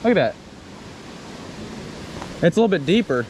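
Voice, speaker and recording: A man's voice: high voice, a little hiss or hum, poor audio. A young man chatting and joking with a friend while fly fishing outdoors by a stream. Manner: joking, excitable, banters with his friend. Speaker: angler filming his fishing trip. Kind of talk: casual chat while fishing. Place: outdoors by a forest mountain stream. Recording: outdoor camera audio with rushing water.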